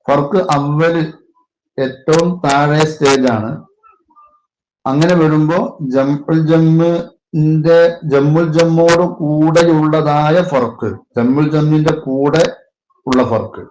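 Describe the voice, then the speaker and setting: Slow, deliberate Malayali male religious teacher. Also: fairly high pitch, fairly even intonation, darkish tone. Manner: slow, deliberate parsing with Arabic terms. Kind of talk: explaining classical Arabic poetry grammar. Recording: echoey room with faint noise.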